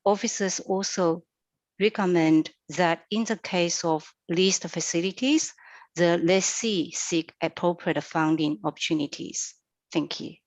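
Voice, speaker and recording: A woman serving as a council CEO, reading officers' advice aloud in a measured, formal way at a council meeting. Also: on the low side, dry recording.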